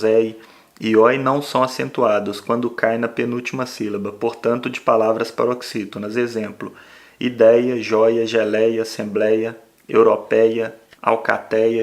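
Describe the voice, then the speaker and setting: A man, teaching a recorded grammar lesson. He walks through each point methodically, listing examples one after another. He often repeats a phrase and closes with a quick tag question. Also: on the low side, little pitch movement.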